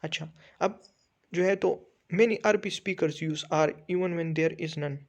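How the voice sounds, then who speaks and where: A man teaching English pronunciation in Hindi, explaining step by step with frequent fillers and slowly reading out English definitions. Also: a little high. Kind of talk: English phonetics lesson in Hindi.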